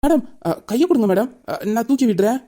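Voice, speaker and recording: Audio drama: a creepy young street harasser, muttering and fawning, acted by a woman; pitch a touch high. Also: fast talker, lightly acted. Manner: sly muttering asides, fawning flattery. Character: leering young man harassing a woman on the road. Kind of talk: amateur Tamil audio drama.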